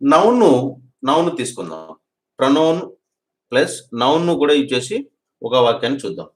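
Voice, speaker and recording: A Telugu-accented man teaches an English grammar lesson in an echoey room, his medium-pitched voice swinging widely in pitch. He drills example sentences, repeats every one, and presses his students to practise quickly.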